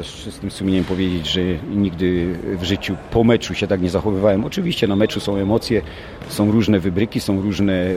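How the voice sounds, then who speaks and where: A man's voice: deep voice, background noise. A man, a sports coach, giving a post-match interview, indignant and sarcastic, complaining at length.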